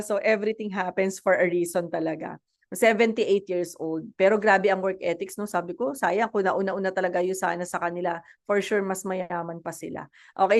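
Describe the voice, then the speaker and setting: A woman with a Filipino accent giving a chatty motivational talk as a network marketing speaker, mixing in English and asking the audience questions. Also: mid-range voice. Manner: chatty, mixes English and Tagalog, asks the audience.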